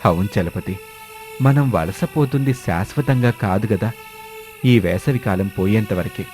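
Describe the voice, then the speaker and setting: A man's voice: lowish voice, unhurried, a little mellow, soft background music, natural voice. A man voicing a worried village farmer who earnestly pleads with his neighbor in a cartoon story. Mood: hopeful.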